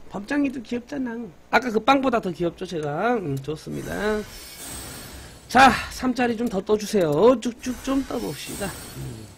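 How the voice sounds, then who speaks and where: A man's voice: high-pitched, moderate pace, creaky, a little hiss or hum. A young man streaming a mobile game live, cheering on his upgrades and bantering playfully with chat viewers. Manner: excited, banters with viewers, mock-cursing.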